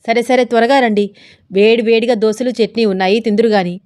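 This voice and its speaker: A woman's voice: fairly high pitch, steady tone, brisk, darkish tone, no room sound, clean studio sound, close to an everyday voice. A woman voicing a fussing, caring middle-aged mother who scolds her son. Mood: fussy.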